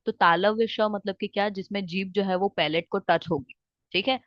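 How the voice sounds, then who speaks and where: A woman teaching a lesson, often pausing to check in with "theek hai" and reciting verses slowly. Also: medium pitch, steady tone, no room sound. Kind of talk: explaining lesson with Hindi-English mix. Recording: dry, slightly dull recording.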